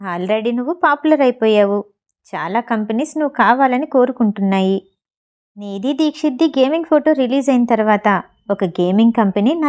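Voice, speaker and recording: A woman reading the lines of a brisk, businesslike female talent manager. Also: fairly high pitch, a little mellow, close to an everyday voice.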